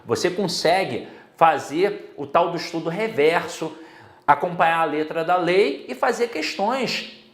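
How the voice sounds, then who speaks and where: A man's voice: fairly high pitch, lively intonation, a little slow, echoey room. A middle-aged Brazilian man giving a casual exam-prep Portuguese lesson, chatty and full of personal stories. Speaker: Portuguese teacher.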